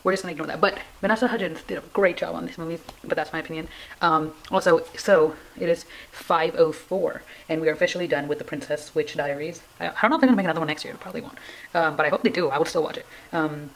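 A young woman talks at a quick clip in a slightly low voice, as if filming a casual vlog at home. She rambles in a self-deprecating way, with a melodramatic, pleading streak. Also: low-quality recording. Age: young adult. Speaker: vlogger. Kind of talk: casual chatty challenge vlog. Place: indoors in a room at home.

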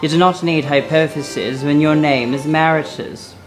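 A man's voice: fairly high pitch, fairly even intonation, music in the background, close to an everyday voice, poor audio. A young man voicing a haughty, pompous gossiping woman with posh, theatrical disdain, in a comedy skit. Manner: pompous, disdainful, drawn-out delivery.

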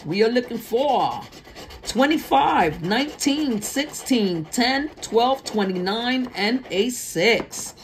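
Casting: female host with a slightly high voice, casual play-along commentary, short called-out phrases. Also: lively intonation, takes it slowly, a little hiss or hum. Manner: calls out numbers in short phrases. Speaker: host of a lottery scratch-off channel.

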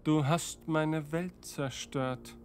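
A man voicing a bitter, vengeful godlike entity in a low, hushed half-whisper. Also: fairly even intonation, extremely slow, faint music behind. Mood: cold hushed.

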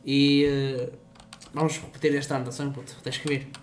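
A man's voice: medium pitch, little pitch movement, normal speed. A young man with a European Portuguese accent chats loosely on a game stream, teasing his friend and swearing freely. His voice sits in a middle register over a faint hiss, with keyboard clicks from the desk. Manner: swears a lot, teasing and loose, often laughing. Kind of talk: casual gaming stream chat.

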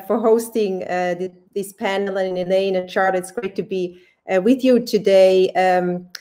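Woman from Switzerland, 40s, panelist, webcam at home, lively rambling storytelling. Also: mid-range voice. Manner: lively storytelling with many fillers and restarts. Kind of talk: panel talk on a video call. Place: home room indoors. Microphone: webcam at desk distance.

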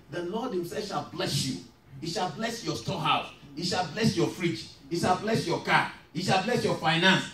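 A man with a high voice preaches a sermon in an echoey church hall, the mic a little far off. He calls out questions for the congregation to answer and builds to shouts. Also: a little hiss or hum. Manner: call-and-response preaching, rising to shouts. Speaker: pastor.

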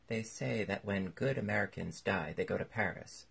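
A man's voice: lowish voice, moderate pace, gravelly, a bit bright, slightly rough, exaggerated voice. A man reading aloud voices a pompous, long-winded older politician with a lecturing manner.

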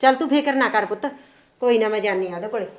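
A woman's voice: medium pitch, very fast, lightly acted. An actress playing a stern but caring village mother who soothes her daughter-in-law and scolds her drinking son. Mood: soothing. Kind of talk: village family drama acting.

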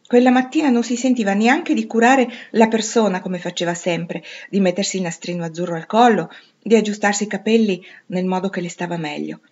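A woman reading a classic novel aloud in calm, measured literary narration. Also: medium pitch, muffled recording. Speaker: audiobook reader.

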